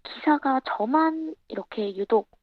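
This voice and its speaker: A young woman speaking as an interview guest over a remote line, her voice disguised by a pitch-changing filter, answering in a quiet, measured way. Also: expressive, dry recording. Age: young adult. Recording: dull, muffled remote line.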